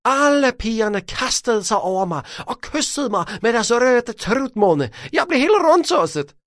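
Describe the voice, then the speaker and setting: A man's voice: very high-pitched, very animated, fairly bright tone, no room sound, clean studio sound, pitched above the performer's own voice, exaggerated voice. A man voicing a vain, boastful male disco-dancing villain in a children's audiobook. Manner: boastful, swooning. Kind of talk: storybook character voice.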